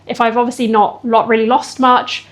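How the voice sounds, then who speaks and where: A young woman chatting casually in a fitness vlog, emotional and quick to laugh. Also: a little high, little pitch movement. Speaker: fitness vlogger.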